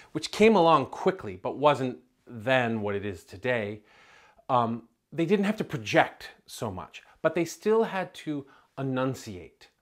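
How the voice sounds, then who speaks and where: Man explaining film acting casually. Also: mid-range voice. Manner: conversational, with asides and self-corrections. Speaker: film studies lecturer. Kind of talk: explanatory video lecture.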